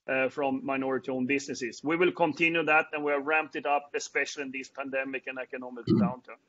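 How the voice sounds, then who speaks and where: A middle-aged man with a Swedish accent, hosting a panel on a video call and speaking haltingly with many fillers and restarts. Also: on the high side, fairly bright tone. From Sweden. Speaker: panel host. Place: indoors before a branded backdrop. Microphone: earbuds on a video call. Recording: dull lo-fi video-call audio.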